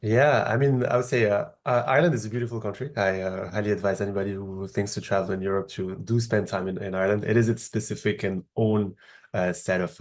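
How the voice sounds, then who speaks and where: A Moroccan man in his thirties with a French accent, a startup founder appearing as a podcast guest, answers interview questions. His voice is lowish and slightly mellow, and he explains things in a measured way, often hesitating.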